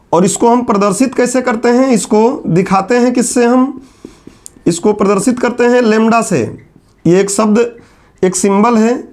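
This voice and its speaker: A man giving a classroom lecture at a whiteboard. He asks the class questions, answers them himself and slowly repeats key terms. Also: high voice, darkish tone. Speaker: teacher.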